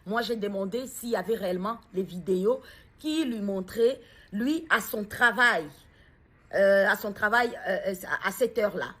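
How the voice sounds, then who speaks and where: With a medium pitch that is a bit bright and slightly rough, a bereaved mother speaks in a personal video. She is hesitant at first, pausing to find her words, and then asks pressing, heartfelt questions.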